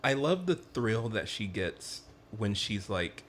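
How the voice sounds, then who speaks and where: A man's voice: on the low side, big pitch swings, slow pace, slight background noise. A man co-hosting a casual book-discussion podcast, chatty and giggly. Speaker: podcast co-host.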